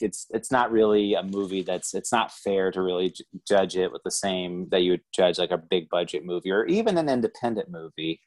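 A man co-hosting a casual movie review podcast, rambling with many restarts and fillers. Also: sits low. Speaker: podcast co-host.

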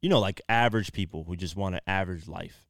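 A man's voice: sits low, fast talker, vocal fry, fairly bright tone, no room sound, studio quality. A man co-hosting a casual podcast, retelling a story in loose, rambling talk. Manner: retells stories loosely, many fillers. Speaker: podcast co-host. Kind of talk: casual chat.

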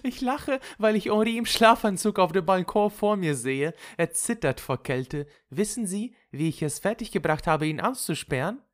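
A woman's voice: sits low, expressive, normal speed, hardly any pauses, pitched above the performer's own voice. A reader voicing Loulou, a flighty and impulsive young woman who chatters in a gossipy way, in an audiobook. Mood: chattering. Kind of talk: audiobook character voice.

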